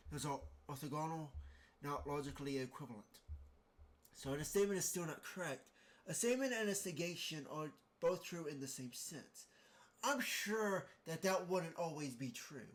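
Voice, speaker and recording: A man hosting a podcast, rambling and self-interrupting in an exasperated casual monologue while reading text aloud. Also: fairly high pitch. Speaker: podcast host.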